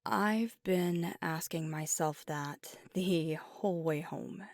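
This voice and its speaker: A woman plays an earnest, devoted young werewolf girlfriend weighing big news in an intimate ASMR roleplay. Her low, darkish voice is dry, close, and echo-free, and she speaks slowly, picking her words with hesitant, conversational sincerity.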